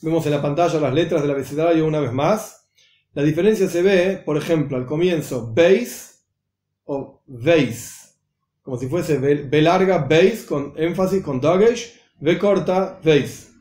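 Patient rabbi explaining rules, echoey room. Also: male voice, a little high, a little mellow. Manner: patient, methodical, spells out rules and examples slowly. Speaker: rabbi teaching Hebrew reading. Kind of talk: explanatory lesson voice-over.

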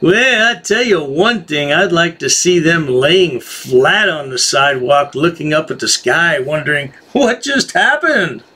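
A man's voice: a little high, a little slow, few pauses, sharp tone. A middle-aged man giving a mocking, sarcastic commentary voice-over as the host. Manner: sarcastic, scornful.

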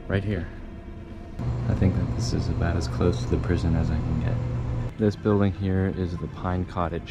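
Male exploration vlogger, twenties, deep and understated, casual musing delivery with little pitch movement. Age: 20s. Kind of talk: casual vlog narration to camera. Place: abandoned derelict building and its grounds. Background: music.

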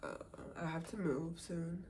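A tearful vlogger speaking to the camera in a halting, unsteady way, full of pauses and small fillers. The voice sits in a middle pitch and sometimes sinks into a soft whisper. A faint hum of noise sits behind it. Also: steady tone. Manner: drops into soft whispers at times. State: tearful, holding back crying. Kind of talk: personal vlog, talking to camera.

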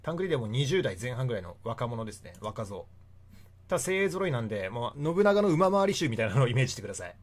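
A man's voice: medium pitch, sing-song, very fast. A young man giving a casual, chatty history lecture and often laughing between points. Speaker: history explainer.

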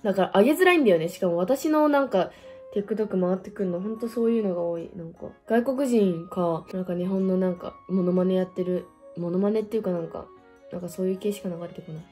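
A woman's voice: mid-range voice, fast, mellow, faint music behind. Chatty young woman rambling to camera. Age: about 20. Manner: rambling, chatty, with frequent fillers; playful self-mocking asides. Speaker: vlogger. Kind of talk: casual solo chat to camera.

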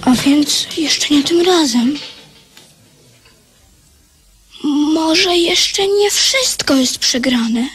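High-voiced sorrowful boy king. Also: lively intonation, soft background music. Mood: quiet hope. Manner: slow, grave, reflective. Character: doomed boy king, brave, sorrowful reformer. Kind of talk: radio drama acting.

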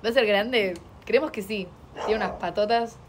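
A woman's voice: medium pitch, moderate pace. Young woman, Rioplatense accent, casual playful streamer, noisy mic with a dog barking behind. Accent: Rioplatense Spanish. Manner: chatty, playful, talks to her dog and chat. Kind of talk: casual live-stream chat. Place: home. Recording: noisy home stream audio.

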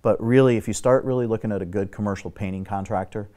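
A middle-aged man with a fairly low voice walks through building repair, point by point, in a steady, technical tone. He talks as a guest on a studio talk show set. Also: fast talker. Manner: steady, technical, instructive explaining. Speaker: exterior building expert guest. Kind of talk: explanatory talk show conversation.

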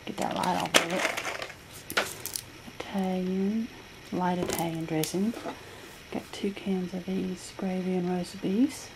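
A vlogger sits at her home kitchen table narrating a casual grocery haul, naming each item slowly with plenty of ums. Her voice is on the low side and steady, captured by a handheld camera filming the tabletop, with clear noise in the home audio.

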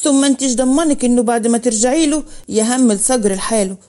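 A woman's voice: on the high side, quick pace, lightly acted. A woman doing a cool, confident young Saidi woman. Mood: worried. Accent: Upper Egyptian Arabic. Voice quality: cool, even delivery.

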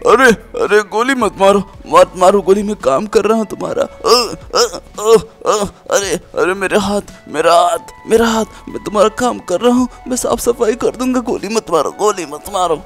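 Man playing a pleading captive, whiny, slightly high voice, faint music behind. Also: steady tone, normal speed. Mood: panicked. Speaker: gaming YouTuber narrating in character. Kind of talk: Hindi fan voice-over for a game video.

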